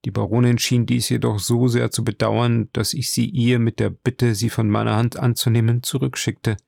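A calm, courteous count, voiced by a man, speaks low and measured in an audiobook. The voice has a gravelly grain and sits dry and close to the mic. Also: no room sound. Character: calm, composed noble count, middle-aged man. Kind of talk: audiobook reading.

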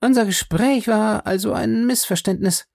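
A man's voice: high-pitched, gravelly, a little mellow, no echo, clean studio sound, voice pushed up. Man voicing a desperate young woman. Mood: stiff. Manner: urgent, pleading, hurried. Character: urgent young woman on a lonely moor.

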